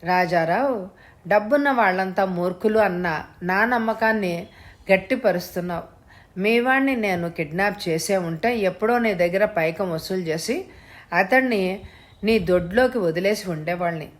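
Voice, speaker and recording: Woman voicing a hoarse, scornful male kidnapper. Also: medium pitch, close to an everyday voice. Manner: cool, scornful, unhurried.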